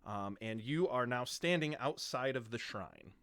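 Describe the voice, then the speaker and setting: A man's voice: mid-range voice, big pitch swings, unhurried, fairly bright tone, dry recording. A young man narrating as game master, rambling with many fillers.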